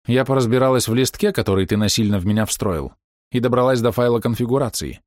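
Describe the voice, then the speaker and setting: A man's voice: medium pitch, fast, a little mellow, dry recording, clean studio sound, pitched above the performer's own voice, lightly acted. A man reading an audiobook, voicing a gloomy, curt young woman. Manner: frowning, curt.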